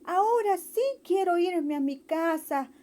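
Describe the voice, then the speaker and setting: A woman's voice: very high-pitched, a little slow, dark tone, slight background noise, pitched above the performer's own voice. A woman voicing a small, frightened young male rabbit who whines and cries out plaintively. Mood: whimpering.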